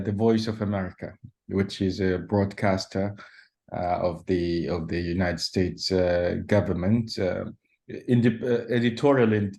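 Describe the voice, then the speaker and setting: A man from Sudan, a journalist answering interview questions in a measured way, often pausing and restarting. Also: fairly low pitch, darkish tone. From South Sudan / Sudan. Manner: measured, with frequent hesitations and restarts. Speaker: journalist guest.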